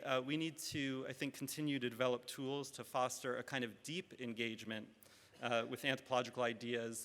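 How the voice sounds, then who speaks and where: Bright-voiced man panelist, echoing hall. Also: medium pitch. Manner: measured, many "uh" fillers. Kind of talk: conference panel talk. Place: conference hall. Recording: reverberant hall.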